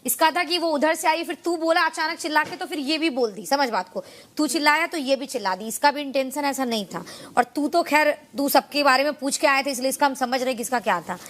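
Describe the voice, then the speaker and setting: A woman stepping in as mediator, calmly explaining both sides of an argument. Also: sits high, a little fast, a little hiss or hum. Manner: soothing, explanatory. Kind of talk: calming mediator.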